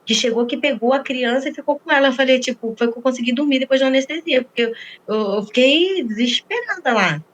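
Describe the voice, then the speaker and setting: A woman's voice: high-pitched, slight background noise. A woman giving an interview, recounting a painful personal story and acting out the quoted dialogue. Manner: rapid, acts out quoted dialogue. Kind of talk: emotional personal account.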